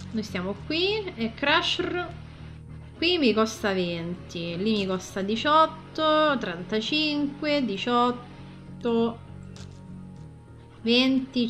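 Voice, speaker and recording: Woman, Italian accent, gameplay streamer, reads game text aloud, wry asides, light swearing, fairly high voice, faint music behind. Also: pushed and bright. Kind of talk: casual gameplay commentary with narration.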